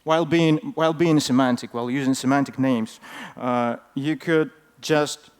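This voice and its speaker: A man who is a non-native English speaker gives an informal technical talk in a hesitant, halting way, often filling his pauses. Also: medium pitch, steady tone, clean tone. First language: not English. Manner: hesitant, halting delivery with frequent fillers. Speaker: conference speaker.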